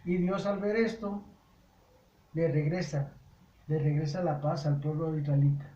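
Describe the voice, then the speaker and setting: Folksy high-voiced Mexican man teaching. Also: steady tone, measured pace, warm tone. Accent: Mexican Spanish. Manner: folksy, repetitive, many stammered restarts. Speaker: Bible teacher. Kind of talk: informal catechesis lecture. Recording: roomy dull lo-fi recording.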